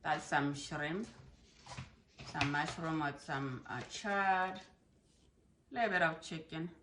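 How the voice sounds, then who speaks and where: A woman's voice: sits low, slow pace, noisy background. A woman chatting casually as she eats, chewing while talking and humming as she savours the food. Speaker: food vlogger. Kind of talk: casual mukbang chat while eating.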